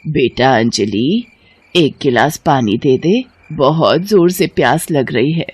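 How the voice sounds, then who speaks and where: A woman's voice: low-pitched, expressive, husky, no echo, heavily acted. A woman doing a scolding old mother-in-law. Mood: pleading. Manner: slow, loud, scolding. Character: harsh older mother-in-law, scolding and bossy. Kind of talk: cartoon storybook voice acting.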